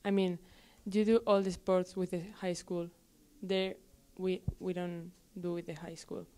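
A woman's voice: on the low side, level tone, unhurried, dark tone. A teenage woman from northern Spain, an exchange student, giggling and hesitating through interview answers.

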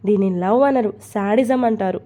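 A woman's voice: mid-range voice, brisk, mellow, lightly acted. A woman voicing a sulky, teasing young husband who grumbles reproachfully in a storybook reading.

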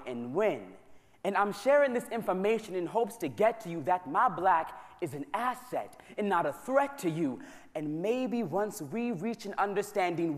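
An American man with a slightly high voice performs spoken word poetry into a stage microphone at a live church concert. His delivery is rhythmic and rhyming, with emphatic, slow repetitions, and the large church gives it a long hall reverb.

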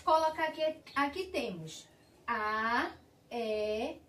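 A Brazilian woman teaches preschoolers in a slow, sing-song way, stretching every syllable. Her voice sits a little high. It sounds roomy, picked up by a mic some distance away in a classroom. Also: lively intonation, sharp tone, a little hiss or hum. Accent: Brazilian Portuguese. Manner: slow, drawn-out syllables for small children. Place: school classroom.

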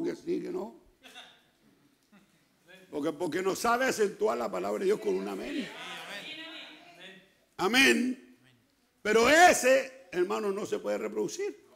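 A Chilean man preaches in a high voice with a gravelly edge. He talks slowly, repeats himself and drops in "amén" again and again. He builds up to shouted lines. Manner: emphatic preaching, often repeating words and punctuating with "amén". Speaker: pastor. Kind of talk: sermon.

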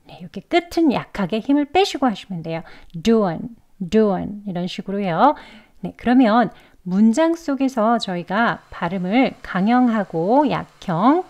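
A woman's voice: mid-range voice, darkish tone, muffled recording. Patient woman teaching pronunciation. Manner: clear, patient step-by-step explaining with drawn-out model words. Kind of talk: pronunciation lesson.

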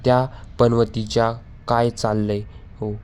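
A man reading a worried, sharp mother. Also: medium pitch, unhurried, clean tone, lightly acted. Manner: flat, read-out delivery.

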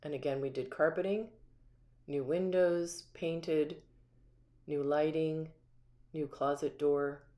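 A woman's voice: deep voice, steady tone, slow, pauses often, dark tone. A woman with an American accent giving an upbeat walkthrough tour of an empty small home, listing its features one by one as she holds the camera off screen. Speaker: community home tour guide.

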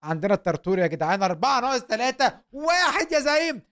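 Excitable young man with an Egyptian accent. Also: very high voice, racing. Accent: Egyptian Arabic. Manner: excitable, joking, talks to viewers. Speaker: gaming channel host. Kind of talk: let's-play commentary.

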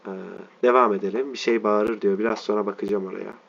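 A man teaching a reading lesson, reading slowly word by word and stopping to spell out letters and explain meanings. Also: on the low side, steady tone, vocal fry, muffled recording.

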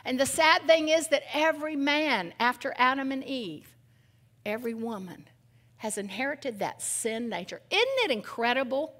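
An older woman giving an animated, humorous sermon as guest speaker at a women's event. She swings from loud exclamations to hushed near-whispers and often asks the audience questions. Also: sits high, moderate pace.

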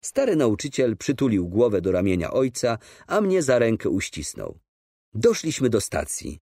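A man narrating a classic novel as an audiobook in expressive, measured storytelling. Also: medium pitch, no room sound, clean studio sound. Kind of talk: scripted literary narration.

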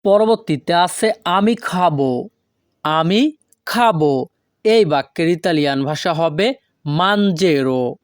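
Patient online tutor, unhurried and methodical, recorded dry and close. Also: medium pitch, expressive, dry recording. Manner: deliberate, repeats each foreign phrase slowly, asks and answers own questions. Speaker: language teacher. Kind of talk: online language lesson.

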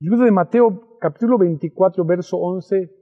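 A man's voice: sits high, moderate pace. A man with a Peruvian accent preaching a youth sermon as pastor, emphatic and repeating his key phrases. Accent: Peruvian Spanish. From Peru. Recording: dull muffled sound with long reverb.

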